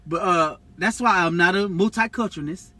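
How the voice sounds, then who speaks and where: A young American man talks fast and heatedly, his voice high and bright with a husky edge. He is loud and profane and keeps jumping up in pitch. The sound is dry and a little distant from the mic. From United States. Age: young adult. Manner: loud, animated and profane, with sudden high outbursts. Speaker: podcast co-host. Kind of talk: heated casual podcast talk.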